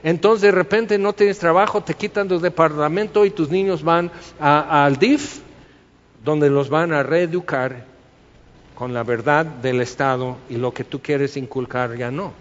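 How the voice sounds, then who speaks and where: A man's voice: fairly high pitch, a little slow. A man with a Mexican accent preaching a sermon as a pastor, talking conversationally and asking the congregation rhetorical questions. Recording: reverberant hall, slightly dull sound.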